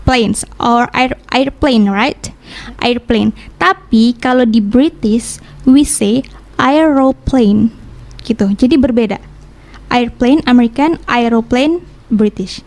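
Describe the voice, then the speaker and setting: A woman's voice: fairly high pitch, slow, darkish tone. A woman from Indonesia giving a casual English lesson on the radio, switching between Indonesian and English and explaining patiently with examples. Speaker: English teacher.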